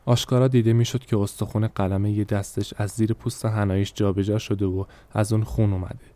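A man narrating a short story in a measured, descriptive way. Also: on the low side, dark tone, no room sound.

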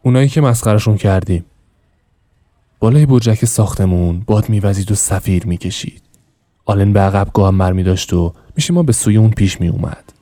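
A man narrating a novel as a podcast host, reading in an even, measured way. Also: on the low side, no room sound.

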